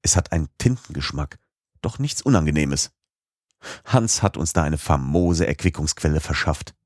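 A man voicing an excitable older professor with a brisk, lecturing manner in an audiobook. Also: a bass voice, dry recording, studio quality. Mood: eager. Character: excitable older male professor, eager and commanding. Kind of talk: audiobook character voice.

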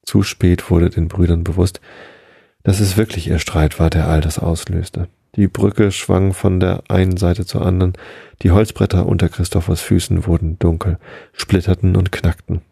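Very deep guy reading a storybook, calm and steady, gravelly and husky, totally dry sound. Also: moderate pace, no echo. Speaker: narrator. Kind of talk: scripted storybook narration.

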